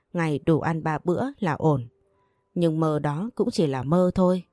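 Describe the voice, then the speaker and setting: A woman reading a story aloud in a steady, matter-of-fact voice. Her tone is low and mellow. The recording is close and dry, with faint music underneath. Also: no room sound. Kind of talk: scripted narration.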